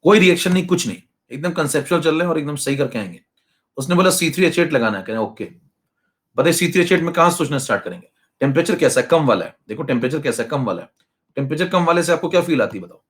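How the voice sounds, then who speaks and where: A young male chemistry teacher giving an online class lecture, brisk and teasing, now and then mimicking slow students. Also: fairly high pitch, expressive. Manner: brisk, teasing, acts out lazy students in asides.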